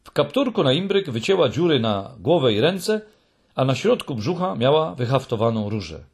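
A man narrating a children's tale in an expressive, dramatic way. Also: medium pitch, moderate pace, vocal fry, slightly rough.

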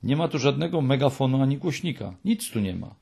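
A measured older male parish priest from a storybook answers in a lowered, steady voice, as a man puts him on. His tone is husky and gravelly. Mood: calm.

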